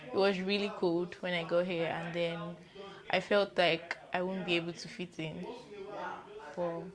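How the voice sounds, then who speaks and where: A woman's voice: fairly low pitch, flat delivery, a little slow, crowd noise. A teenage woman from Nigeria, a student, answering interview questions casually with restarts. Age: teens. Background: guitar music.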